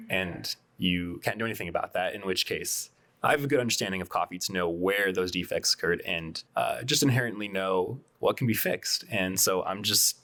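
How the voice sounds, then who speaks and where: A man's voice: low-pitched, fairly bright tone. A man, a coffee shop co-owner, talking casually as a podcast guest and working through his reasoning with fillers.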